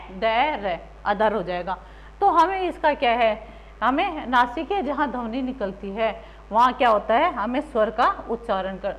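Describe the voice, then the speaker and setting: A woman's voice: fairly high pitch, a bit bright, slight background noise, rough recording. A woman teacher giving a grammar lesson, asking the class questions and then answering them herself.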